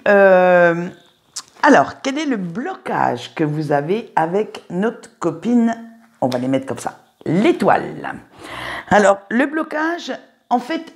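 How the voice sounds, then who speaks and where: A woman with a slightly low voice reads tarot cards for her viewers in a casual, conversational way. She talks to them directly and often hesitates, filling pauses and restarting her sentences. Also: a little mellow. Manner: hesitant, many fillers and restarts; chatty, addresses viewers directly. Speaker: tarot reader. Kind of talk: casual tarot reading to camera.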